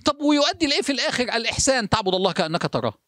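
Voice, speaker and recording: Preaching a motivational sermon, this Egyptian-accented man has a very high voice and a very animated delivery. He peppers the listener with rapid rhetorical questions, then drops into slow, hushed phrasing to drive points home, all captured in clean studio audio without echo.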